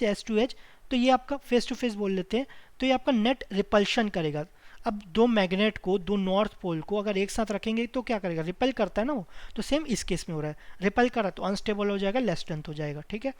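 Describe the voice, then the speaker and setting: A man's voice: sits high, smooth, no echo. Man asking and answering his own questions. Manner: asks quick rhetorical questions, then answers them; repeats key terms, mixes in English phrases. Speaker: exam prep tutor. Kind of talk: explanatory lecture over slides.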